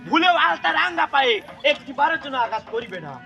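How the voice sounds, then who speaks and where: High-pitched, imperious snake goddess played by a stage actor. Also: expressive, fast talker, vocal fry, bright, forceful tone, dull audio, exaggerated voice. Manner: formal, imperious, declamatory. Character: commanding snake goddess mother ordering her serpent minion. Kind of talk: loud folk stage drama declamation. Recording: outdoor stage recording with music and crowd.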